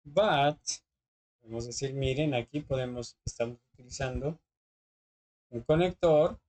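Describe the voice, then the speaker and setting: With a darkish tone and medium pitch, a teacher goes over English grammar at a measured pace. The manner is patient, with frequent short questions to make sure students keep up.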